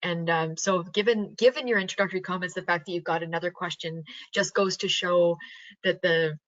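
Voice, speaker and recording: A woman hosting a webinar over a video call. She is effusive and thanks her guests warmly. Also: on the low side, steady tone, brisk, dry recording. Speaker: webinar host. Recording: dry, dull lo-fi webinar audio.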